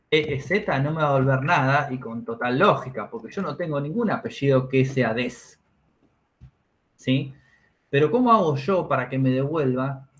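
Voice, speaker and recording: A man teaching a class, explaining each step and checking in with his students. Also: medium pitch. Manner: explains step by step, checks understanding with tag questions. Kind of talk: classroom lesson.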